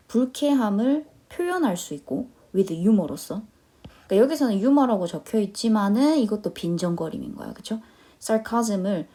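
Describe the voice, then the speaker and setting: A young adult woman teaching an online lecture, reading phrases slowly and explaining them quickly with frequent checking questions. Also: mid-range voice, mellow. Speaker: English teacher.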